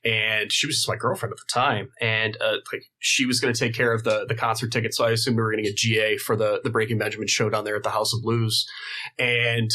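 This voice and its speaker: A man in his thirties, a guitar builder, casually telling a story and acting out the people in it with lively voices. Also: fairly low pitch, fast. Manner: animated storyteller who acts out quoted people. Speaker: guest luthier.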